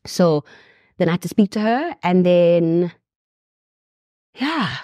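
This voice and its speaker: A woman's voice: lowish voice, expressive, takes it slowly, warm tone, dry recording, clean studio sound. A woman guest telling a painful personal story in a heartfelt way. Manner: heartfelt, reliving painful memories.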